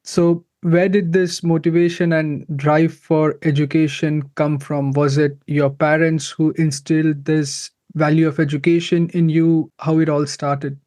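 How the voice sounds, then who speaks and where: A man hosts an interview show in an upbeat, polished presenter's voice. His pitch sits a little high for a man. He reads a scripted introduction, then moves into friendly questions. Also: flat delivery, unhurried, few pauses, darkish tone. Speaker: podcast host.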